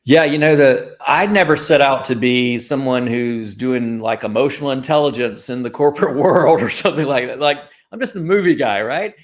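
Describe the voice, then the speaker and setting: Here a creative company founder is the interview guest, speaking in a medium-pitched male voice at a moderate pace with hardly any pauses. He answers casually and wanders a bit, often reworking his phrasing mid-thought.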